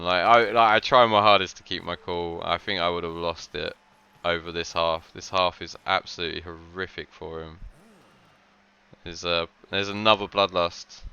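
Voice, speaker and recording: Guy casting a game match, deep crisp voice, rambles with like like like, kinda dull lo-fi audio. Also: pushed and bright, dry recording. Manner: rambling, lots of "like" fillers, frequent laughs. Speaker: game commentator. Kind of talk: casual game commentary.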